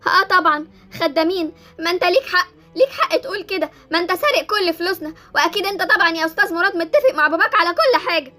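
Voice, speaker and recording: A woman's voice: extremely high pitch, expressive, very fast, pushed and bright, soft background music, heavily acted. A woman voicing a proud, emotional young woman in an Egyptian Arabic Roblox drama, who talks dramatically and defiantly. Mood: angry. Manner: dramatic, swings between pleading and defiant.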